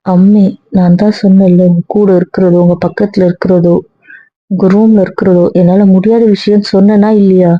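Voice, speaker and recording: A woman acting as a young wife who gently soothes and coaxes her anxious husband, in an amateur serial drama. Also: mid-range voice, flat delivery, normal speed, no room sound, close to an everyday voice. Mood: refusing. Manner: soothing, coaxing. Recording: dull, dry lo-fi recording.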